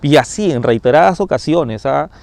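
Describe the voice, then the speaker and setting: Firefighter telling a ghost story. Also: male voice, fairly high pitch, animated, moderate pace, vocal fry, darkish tone. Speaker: firefighter paramedic. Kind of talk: first-person ghost story told on camera.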